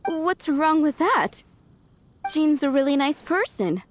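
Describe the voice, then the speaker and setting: A woman's voice: sits high, big pitch swings, slow, a little hiss or hum, heavily acted. A woman voicing a casual, friendly townswoman in a video game. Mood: casual, persuasive. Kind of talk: video game character acting.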